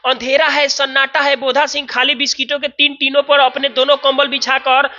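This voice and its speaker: A man's voice: very high-pitched, flat delivery, normal speed, bright, forceful tone, dull audio. A male teacher with a Bihari Hindi accent, explaining a story in class and often quizzing his students. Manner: chatty, asks students questions.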